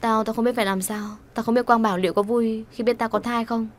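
A woman's voice: a little high, steady tone, fast talker, voice pushed up, lightly acted. A woman voicing a meek, self-sacrificing young woman who answers hesitantly and stammers in an audio story. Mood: anxious.

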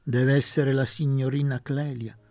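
A man's voice: on the high side, level tone, normal speed, vocal fry, mellow, no echo, faint music behind, pitched above the performer's own voice. A man voicing a sly young man who makes ironic, knowing jokes.

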